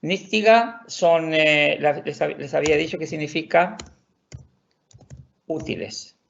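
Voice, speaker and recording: Man, online language teacher, patient, repetitive explainer; gravelly, dull lo-fi recording. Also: on the high side, takes it slowly, fairly bright tone, a little hiss or hum. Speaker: Swedish teacher. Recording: dull lo-fi audio.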